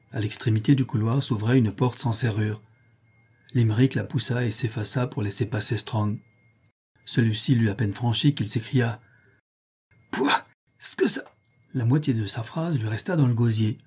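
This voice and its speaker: A man narrating a story aloud in a measured, storytelling way. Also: mid-range voice, mellow, slightly rough. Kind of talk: audiobook reading.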